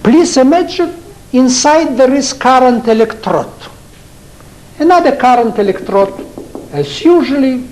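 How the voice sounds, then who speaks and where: Older man, Russian accent, lecture hall, halting English, very slow, lively intonation. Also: very high voice, a little hiss or hum. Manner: halting non-native English, rhetorical questions to students. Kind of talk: university lecture.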